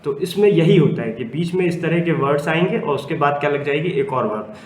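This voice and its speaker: A man's voice: on the high side, lively intonation, brisk. A male teacher giving a spoken grammar lesson. He repeats phrases and keeps asking the class questions. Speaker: English teacher. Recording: echoey room with faint hum.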